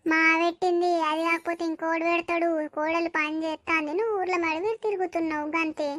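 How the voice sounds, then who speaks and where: A woman's voice: extremely high pitch, steady tone, quick pace, a bit bright, no room sound, clean studio sound. A woman voicing a bossy old village mother-in-law with a Telangana accent, scolding and nagging. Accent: Telangana Telugu. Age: over 60.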